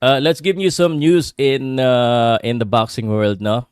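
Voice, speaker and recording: A man with a Filipino accent and a clear, smooth voice hosts a sports livestream in a casual, chatty style. He sits at an ordinary male pitch in a dry-sounding space, hesitating often as he slips between English and Tagalog. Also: fairly even intonation, a little slow, darkish tone, no echo. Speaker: livestream host and boxing commentator. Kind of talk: casual livestream chat with viewers.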